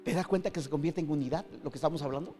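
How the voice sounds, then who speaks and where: A middle-aged man preaching a sermon as pastor, emphatic, swinging between loud and hushed with many rhetorical questions. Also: on the high side, racing. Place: church hall. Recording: long hall reverb with faint guitar.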